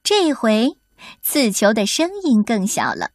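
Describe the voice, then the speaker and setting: A woman storyteller reading a children's picture book aloud in an expressive way. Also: on the high side, slow, dry recording, studio quality.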